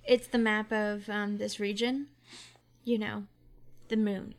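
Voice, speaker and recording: A woman playing in a tabletop game, eager and chatty, often pausing on fillers. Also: mid-range voice, little pitch movement. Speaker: player. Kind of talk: casual tabletop play.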